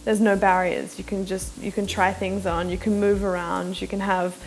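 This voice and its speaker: A woman's voice: mid-range voice, little pitch movement, moderate pace, creaky, a little hiss or hum, rough recording. A woman giving an enthusiastic interview answer, listing things one after another.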